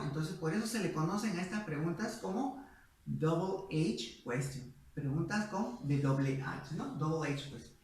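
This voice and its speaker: A man teaching an English lesson to a class, speaking slowly and patiently and asking the students questions. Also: fairly high pitch. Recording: echoey, mic far away.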